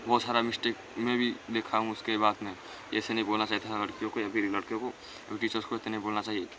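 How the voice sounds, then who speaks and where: A teenage boy with a fairly low, monotone voice talks fast in a casual monologue, offering earnest self-improvement advice that rambles and repeats itself. There's noise in the background.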